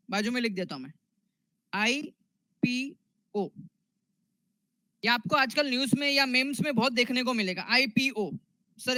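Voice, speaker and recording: A man's voice: very high-pitched, sharp tone, dry recording, low-quality recording. A man teaching a commerce class. He repeats key terms and asks and answers his students' questions himself. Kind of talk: classroom lecture.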